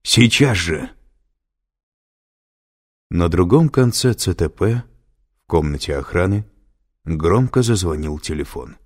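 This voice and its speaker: A man narrating an audiobook thriller in measured, scripted storytelling. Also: deep voice, expressive, a little mellow.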